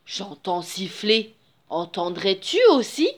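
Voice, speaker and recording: A big, lumbering monster who is easily impressed, as a woman reading aloud puts him on. He talks slowly and with wonder, and his voice rises and falls a good deal. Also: medium pitch, very animated. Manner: slow, wondering storybook voicing. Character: big clumsy male furry monster. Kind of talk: reading a picture book aloud.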